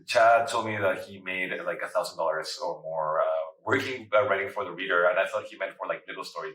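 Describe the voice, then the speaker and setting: This photographer and writer from Mexico, a man in his thirties, talks in a relaxed interview style packed with fillers. He has a deep voice with a slightly bright tone, picked up by a distant microphone in a roomy setting.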